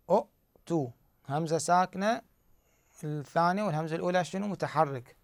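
A man with an Iraqi Arabic accent explains recitation rules in a patient teaching voice, slightly high-pitched and very clear. He keeps asking the class a question and then answering it himself, repeating key words slowly. The recording is dry and close, with no room sound. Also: no room sound. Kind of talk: explanatory grammar lesson.

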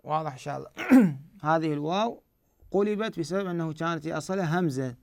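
A man with an Iraqi Arabic accent teaching the rules of Quran recitation, asking questions aloud and answering them himself, and repeating key words slowly. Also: a little high, vocal fry, a little mellow, no room sound. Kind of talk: explanatory grammar lesson.

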